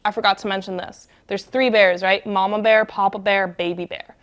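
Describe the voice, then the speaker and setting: A woman's voice: mid-range voice, fairly even intonation, moderate pace, smooth. A woman hosting a comedy show, telling a bedtime story in a chatty way with asides to her dog, often tagging lines with "right?". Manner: chatty, keeps asking "right?". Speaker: comedy host. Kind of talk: comic bedtime story reading.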